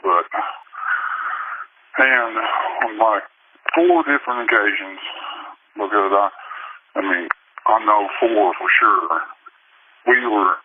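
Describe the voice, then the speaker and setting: A man with a drawl speaks through an electronic voice disguise that drops him to a very deep, unnatural pitch. He talks in halting, rambling bursts, starting over again and again. It all comes through a thin, tinny phone line with a faint hiss underneath. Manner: halting, rambling, many restarts. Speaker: anonymous witness on a phone call. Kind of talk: phone interview.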